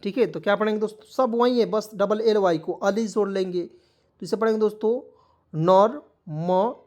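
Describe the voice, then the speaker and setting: A man's voice: high voice, fairly even intonation, brisk, a little mellow. Male teacher, patient and repetitive, quizzing viewers word by word, with motivational asides. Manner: repetitive, coaxing, keeps asking what it reads as. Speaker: English teacher. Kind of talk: blackboard lesson explaining spelling and pronunciation.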